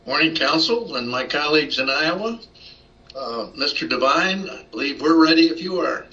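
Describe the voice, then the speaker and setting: A man speaking as a presiding judge, addressing counsel in a courtroom, somewhat halting. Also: on the high side, lively intonation, pushed and bright. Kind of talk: courtroom questioning and directions. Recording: dull, distant microphone pickup.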